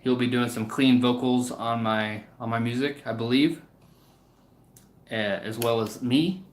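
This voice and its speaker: A man hosting a livestream chats casually with viewers, hesitant and rambling, often trailing off. His medium-pitched voice is steady and unhurried, with a little hiss or hum in a roomy, echoing space.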